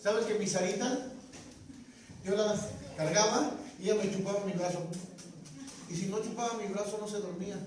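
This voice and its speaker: A man preaching a sermon, telling stories with animated energy and often asking the congregation questions, with shouts at the peaks. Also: high voice, moderate pace, long pauses. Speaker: pastor. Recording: echoey hall, distant mic, noisy.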